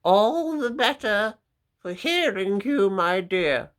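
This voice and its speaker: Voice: mid-range voice, very animated, takes it slowly, a bit bright, voice pushed up. A teacher voicing a sly male wolf pretending to be a grandmother, sugary and coaxing. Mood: sweetly coaxing. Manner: sugary, coaxing, menacing underneath.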